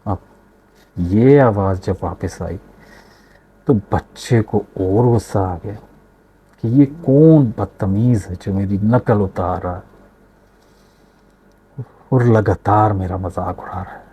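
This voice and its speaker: A man's voice: low-pitched, mellow, slightly rough, lo-fi sound. A man telling a moral story, speaking directly and unhurriedly to his listeners.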